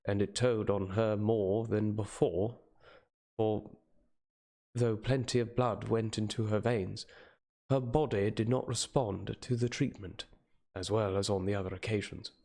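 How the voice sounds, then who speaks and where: A reader with a fairly low, slightly mellow male voice gives a hammy, dramatic audiobook-style narration of a classic novel, occasionally stumbling and going back over phrases.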